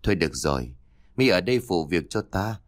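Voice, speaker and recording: A man's voice: sits low, big pitch swings, a little fast, no echo, clean studio sound. A man voicing a curt, commanding old male master in his sixties for a spoken story. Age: 60s.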